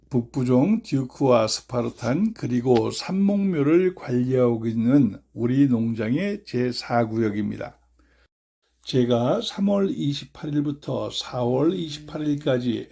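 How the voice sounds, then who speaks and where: Middle-aged male farmer-host, outdoors; dark, mellow tone, explains things patiently. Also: medium pitch, gravelly, breathy edge. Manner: measured, explanatory, frequent "uh" fillers. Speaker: blueberry farmer and channel host. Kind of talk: instructional farm vlog narration. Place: outdoors on a farm.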